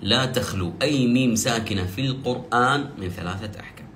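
A man teaching the rules of Quranic recitation, explaining step by step and slowly drawing out the example verses he recites. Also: medium pitch, fairly bright tone, a little hiss or hum. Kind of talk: tajweed lesson.

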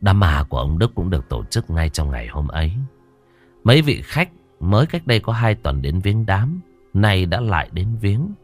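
A man narrating a horror story in a dramatic, expressive way. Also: deep voice, moderate pace, soft background music.

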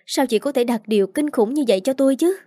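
A woman voicing a spiteful, sharp-tongued young woman who scolds with contempt. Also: high-pitched, animated, fast, no room sound, clean studio sound, voice pushed up. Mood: indignant.

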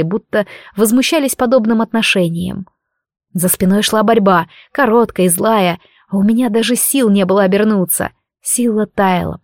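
A woman reading a first-person fantasy story aloud with expressive, emotional delivery. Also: mid-range voice, no room sound, clean studio sound. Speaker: audiobook narrator.

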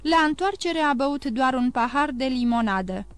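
A woman's voice: high voice, lively intonation, clean tone, no echo. Woman doing a panicked young woman calling for help. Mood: anxious. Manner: urgent, crying out. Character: frightened young woman, desperate.

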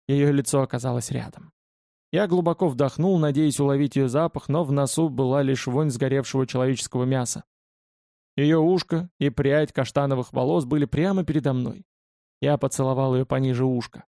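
A man narrating a first-person audiobook war story in an expressive, colloquial way. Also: mid-range voice, no echo, studio quality.

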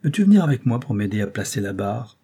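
A man reading an audiobook aloud, voicing a worried young innkeeper's wife with a soft, pleading, husky voice. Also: on the low side, sing-song, quick pace, full character voice.

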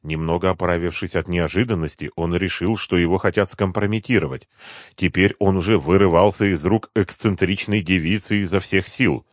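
A man narrating an audiobook in a steady, measured storytelling way, close to the mic. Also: low-pitched, no echo. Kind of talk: scripted narration.

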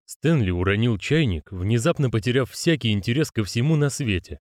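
A man's voice: mid-range voice, normal speed, dry recording, studio quality. A man narrating an audiobook expressively, voicing the characters. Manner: expressive, theatrical. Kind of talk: audiobook reading with character voices.

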